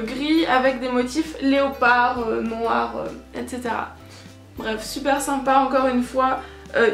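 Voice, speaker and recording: A woman's voice: high voice, fairly bright tone. A young woman chatting casually through a clothing haul vlog, with lots of filler words and little giggles. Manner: chatty, many "euh" fillers, giggly asides. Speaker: YouTuber showing a haul. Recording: echoey room.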